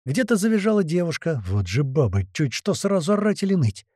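Expressive male audiobook narrator. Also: on the high side, brisk, husky, no echo, clean studio sound. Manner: lively, expressive storytelling.

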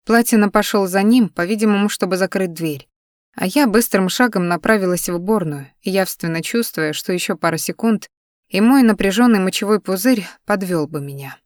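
A woman narrating a first-person story in an even, measured audiobook reading. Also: medium pitch, no echo, studio quality.

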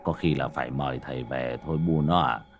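A man voicing a terrified grandfather who speaks low and falters. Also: fairly quick, faint music behind. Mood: fearful. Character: shaken grandfather, pale and terrified.

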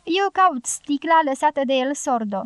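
A shy young girl with a soft, eager voice, lifted high and bright, as a woman reads her. She speaks in a caring tone. The reading sounds dry and close. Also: lively intonation, no echo. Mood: tender.

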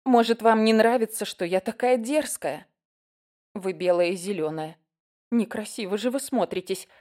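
A woman's voice: medium pitch, moderate pace, mellow, voice pushed up, natural voice. A woman voicing an eager, talkative teenage girl in an audiobook reading. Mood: fussing, chatty. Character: teenage girl, pushy and chattering.

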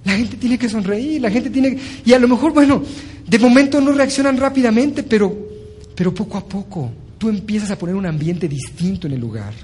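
A man giving a motivational talk, animated and acting out little scenes as he teaches. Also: sits high, a little fast, husky. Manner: animated, acts out stories with voices. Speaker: motivational speaker.

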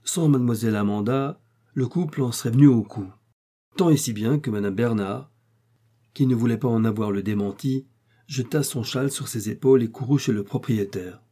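A man narrating a classic story in a measured, expressive reading. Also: mid-range voice.

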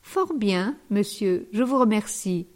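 A woman's voice: medium pitch, expressive, slow pace. A woman reading the lines of a playful, carefree young laundress in a storybook reading, light and teasing.

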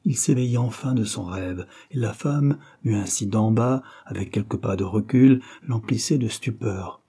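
A man narrating a classic novel in a measured, expressive audiobook reading. His voice sits low, with a dark, mellow tone and a husky grain.

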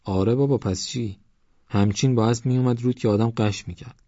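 A man's voice: medium pitch, steady tone, warm tone, no echo, dull audio, pitched above the performer's own voice, natural voice. A male narrator voicing a bold young village girl who brags and talks like a know-it-all. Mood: boastful. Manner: cocky, chatty, know-it-all.

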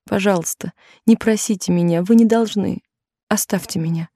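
A woman's voice: mid-range voice, normal speed, dark tone, dry recording, studio quality, natural voice. A woman voicing a timid young working-class maid who pleads and refuses in a raised, tearful voice. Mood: pleading.

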